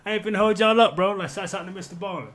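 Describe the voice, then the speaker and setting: A man's voice: sits high, racing, fairly bright tone. A man hosting a reaction video, talking in slangy, rambling, emphatic casual commentary.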